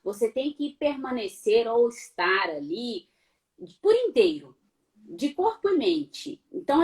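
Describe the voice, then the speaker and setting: Brazilian woman, law prof giving tips on a live stream, lively and playful, voice sits a bit high. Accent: Brazilian Portuguese. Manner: lively, rhetorical questions, playful sound imitations. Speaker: law professor. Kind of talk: live online talk giving advice.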